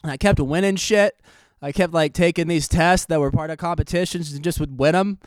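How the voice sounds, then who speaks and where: A young man in his late twenties hosts a casual podcast, telling a story in a rambling, joking, self-deprecating way. His voice sits a little high for a man and sounds smooth and clean. He is slightly out of breath, and the recording is dry and close. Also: a little fast, no room sound. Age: 20s. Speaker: podcast host.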